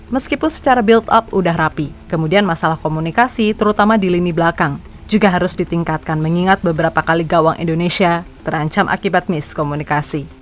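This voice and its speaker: A woman reading football news as a scripted narration, chatty and opinionated. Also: fairly low pitch. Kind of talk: scripted narration with casual asides.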